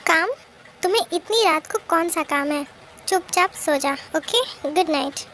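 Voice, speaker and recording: A woman's voice: extremely high pitch, a little slow, fairly bright tone, slight background noise. A woman voicing a stern, teasing older brother who scolds and gives orders in a fan-made drama dub. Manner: scolding, commanding.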